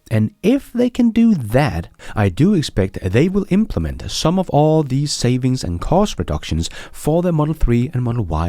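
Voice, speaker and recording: Chuckling between his points, a man hosts a Tesla news commentary program with enthusiastic, emphatic delivery aimed at viewers. His voice is mid-range and dark in tone, captured in a dry recording.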